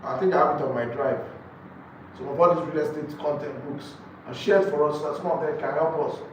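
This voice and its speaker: A man with a Nigerian accent and a slightly high voice runs a live real estate sales training for a group, talking a little fast. He hammers key phrases through repetition and asks his audience rhetorical questions, heard via a distant mic in an echoey room with faint noise.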